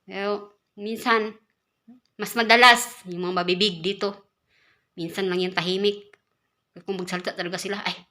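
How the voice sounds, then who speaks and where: Bright-voiced woman vlogger chatting. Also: medium pitch. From Philippines. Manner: chatty, repeats and restarts words, laughs often. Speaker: caretaker vlogger. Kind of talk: casual vlog talk.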